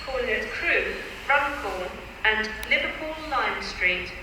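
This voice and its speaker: Woman on a station loudspeaker announcement. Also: fairly high pitch, lively intonation. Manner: measured, formal announcing cadence. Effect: station public-address loudspeaker announcement. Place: railway station platform, outdoors. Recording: echoey loudspeaker from far off on a noisy platform.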